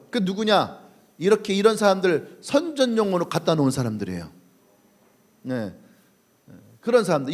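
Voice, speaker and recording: A young man preaches a sermon to his church. His voice sits high and swoops widely as he tells the story with animated energy, slipping into the voices of the people in it. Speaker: pastor. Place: church sanctuary.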